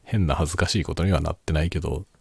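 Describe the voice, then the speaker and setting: Adult male, low voice, quiet night-time chat delivery, thoughtful explainer, dry close sound. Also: steady tone, fast talker, gravelly, slightly rough, no room sound. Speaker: solo host of a spoken chat. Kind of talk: casual late-night chat.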